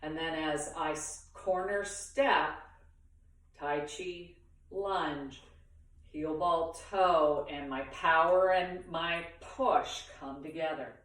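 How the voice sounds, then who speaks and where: A woman with a low voice leads a beginners' tai chi lesson, recorded at a distance in a very echoey room. She speaks slowly, talking through each movement in short phrases with pauses between them. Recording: very echoey room, far from the mic.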